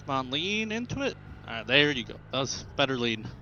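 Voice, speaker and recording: Young american guy vlogging from inside a helmet on his bike, bright chatty voice, kinda muffled. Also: mid-range voice, sing-song, fairly quick. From Arkansas, United States. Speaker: motovlogger, new rider. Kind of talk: casual vlog chat while riding. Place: inside a helmet on a motorbike, outdoors. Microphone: helmet headset mic into an action camera. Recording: muffled helmet mic with engine and road noise.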